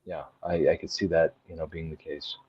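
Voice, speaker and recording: Deep, husky man on dull lo-fi audio. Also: flat delivery, moderate pace, a little mellow, no echo. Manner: hesitant, restarts, frequent "you know". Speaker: podcast co-host. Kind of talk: casual podcast discussion.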